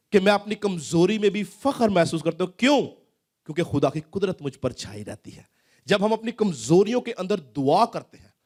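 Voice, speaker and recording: In a church hall, a male pastor delivers a sermon, posing questions that rise in pitch before letting his voice drop low.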